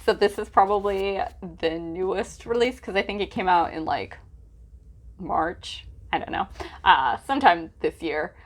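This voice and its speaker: This book vlogger speaks in a lowish, unhurried voice, keeping things informal and chatty. Her talk wanders through filler asides, peppered with "like" and hesitations, and she gushes with plenty of emphasis.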